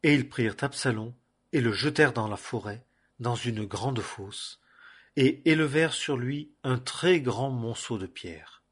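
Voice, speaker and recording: A man reading a Bible passage aloud in a measured, solemn way, phrase by phrase. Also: mid-range voice, husky. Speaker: scripture reader.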